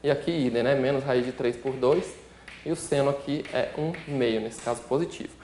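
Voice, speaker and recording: In a room with noticeable echo and slight background noise, a math instructor with a Brazilian Portuguese accent guides the listener through calculus step by step. He writes out sums as he works them and checks in often, his mid-range, darkish voice staying steady at a moderate pace.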